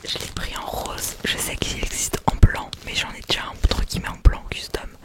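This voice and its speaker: A woman whispers in a breathy, unvoiced ASMR style into a close condenser microphone, chatting casually and gushingly as she presents an unboxing. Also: normal speed. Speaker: ASMR video creator and streamer. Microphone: close USB condenser microphone.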